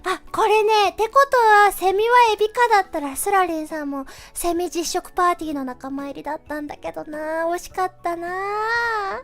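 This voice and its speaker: A young woman chatting casually as a livestream host and reading out comments, with a cutesy, animated, giggly manner. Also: very high voice, normal speed. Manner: cutesy, refers to self in third person.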